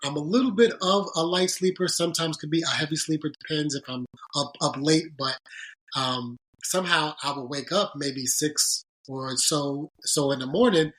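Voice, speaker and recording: A slightly high, somewhat bright male voice comes through in poor audio. The man is telling reflective stories in a podcast interview about his sports-agent career, speaking earnestly and thoughtfully, with halting delivery and frequent restarts.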